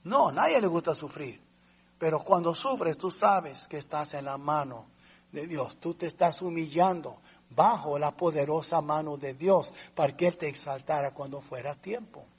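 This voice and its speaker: A man preaching a sermon in a fairly high, husky voice. He talks to his congregation like family, calling them brothers, and keeps asking rhetorical questions. His delivery swings with emotion. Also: moderate pace. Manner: conversational preaching, addresses listeners as brothers. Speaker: pastor.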